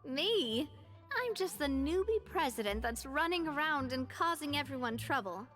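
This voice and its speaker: A woman playing a spirited young female president in a video game, earnest and expressive with a gently teasing side. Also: sits high, moderate pace, soft background music. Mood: playful, bright. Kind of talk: game voice acting, dramatic dialogue.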